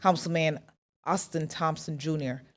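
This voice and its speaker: Low-voiced, effusive woman host. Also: unhurried. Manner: effusive, praising. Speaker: show host. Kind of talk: casual interview talk.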